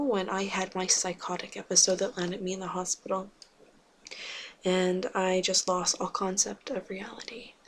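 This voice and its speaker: A woman talking to camera in a personal confessional vlog, subdued and halting, with many fillers and restarts. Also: mid-range voice, slight background noise. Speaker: vlogger.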